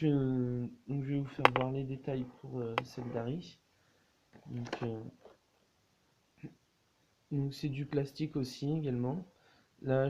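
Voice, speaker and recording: A man casually showing his collection in a vlog, halting often with fillers and restarts. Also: medium pitch, warm tone, muffled recording. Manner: hesitant, many fillers and restarts.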